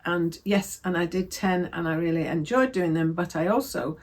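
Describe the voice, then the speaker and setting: A woman's voice: lowish voice, normal speed, a little mellow. Chatty woman rambling about sewing. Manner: chatty, rambling, self-correcting. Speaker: sewing vlogger. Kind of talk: casual crafting chat.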